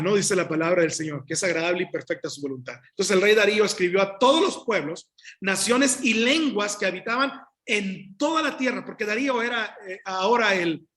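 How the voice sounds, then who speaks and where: High-voiced preacher reading scripture. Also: male voice, fairly bright tone. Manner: reads scripture aloud and comments to the congregation. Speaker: pastor. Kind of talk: sermon. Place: church.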